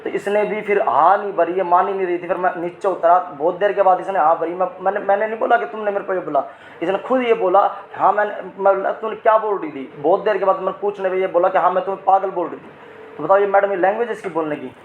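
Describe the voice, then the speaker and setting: A man's voice: high voice, fast talker, echoey room, phone-quality sound, slight background noise. A man, a metro passenger, insistently complaining and repeating his demand to check the recordings, in a heated argument. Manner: insistent, repeats himself, talks over others.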